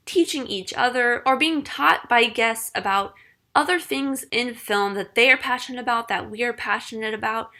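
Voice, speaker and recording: A woman in her twenties co-hosts a podcast, chatting casually, poking fun at herself and laughing quickly. Her voice is a little high, bright and forceful, recorded with studio quality and no echo.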